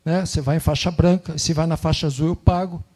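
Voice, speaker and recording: Man, high voice, guest missionary, animated anecdotes, church service, handheld mic. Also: fairly quick. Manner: animated storytelling, acts out dialogues, frequent tag "né?". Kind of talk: informal church talk with anecdotes. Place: church sanctuary.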